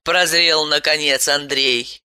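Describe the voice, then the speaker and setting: A woman narrating a story in a measured storytelling manner. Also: deep voice, fairly even intonation, sharp tone, clear, resonant tone, no echo, studio quality. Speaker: audiobook narrator. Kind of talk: scripted narration.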